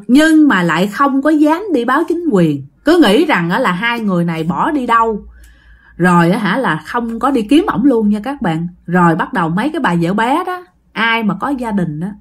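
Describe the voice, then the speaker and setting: A woman with a Southern Vietnamese accent narrating a ghost story in a chatty storytelling style, often speaking straight to her listeners. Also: fairly high pitch. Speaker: storyteller host.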